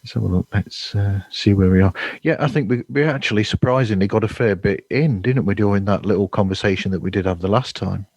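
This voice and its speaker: Low-voiced man hosting a podcast. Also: fast talker, few pauses, a little mellow, dry recording, rough recording. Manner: chatty, stammering restarts. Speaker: podcast host. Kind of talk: casual chat over a video call. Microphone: headset.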